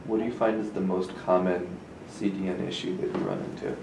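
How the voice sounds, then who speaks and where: A man asks casual technical questions in a heavily creaky voice with lively intonation. He is recorded from afar in a roomy, noisy space. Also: low voice, brisk. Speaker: audience member asking questions. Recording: echoey room, far mic, clear background noise.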